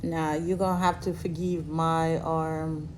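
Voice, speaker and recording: A woman in her thirties from Cameroon, telling her own story to her viewers in a halting way with many fillers, while recovering from surgery. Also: deep voice, level tone, background noise. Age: 30s. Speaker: vlogger.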